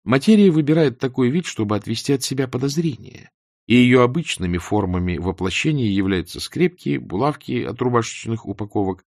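A man narrating an audiobook in a measured, dry, ironic manner. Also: mid-range voice, lively intonation, darkish tone, no echo. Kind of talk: scripted narration.

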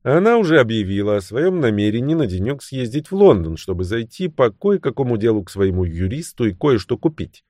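A man reading a novel aloud as an audiobook narrator, expressive and voicing the characters' lines. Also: mid-range voice, a little fast, hardly any pauses, dry recording, clean studio sound. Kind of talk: scripted narration.

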